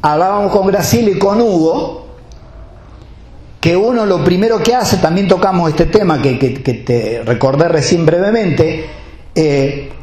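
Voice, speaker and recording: A man's voice: sits high, expressive, measured pace, a little mellow, echoey room. A man with a Rioplatense Spanish accent, preaching a sermon as pastor, talking conversationally and putting direct questions to his congregation.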